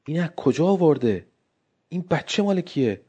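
A man's voice: fairly high pitch, very animated, mellow, breathy edge. A man voicing a hostile old village mother who scolds and questions brusquely. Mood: suspicious.

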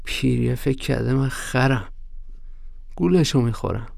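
A man's voice: mid-range voice, creaky, a little mellow, dry recording, clean studio sound. A man voicing a desperate, jealous young man who wheedles and mutters bitterly, in an audio story. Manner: urgent, wheedling, then bitter inner muttering. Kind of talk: audio drama reading.

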